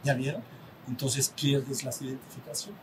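A man's voice: animated, normal speed, poor audio. A man with a Mexican accent, a spiritual teacher talking to a small group in a conversational way. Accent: Mexican Spanish. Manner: conversational, asks the group for assent, acts out little dialogues. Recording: faint rumble behind.

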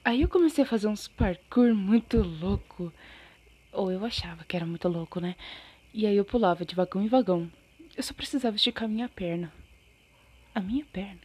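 A Brazilian woman telling a casual story, chatty and animated, often losing her thread, her throat a little scratchy. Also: medium pitch, brisk, husky.

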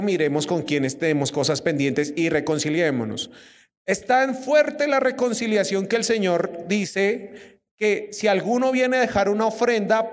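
High-voiced Colombian preacher in a hall. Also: male voice. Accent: Colombian Spanish. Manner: lively, asks the audience questions. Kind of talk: sermon. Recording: long hall reverb.

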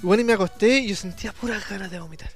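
A man's voice: high-pitched, very fast, faint music behind. A young Chilean man co-hosting a podcast, casually and animatedly telling a story to friends. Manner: animated, acts out shouted quotes. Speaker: podcast co-host.

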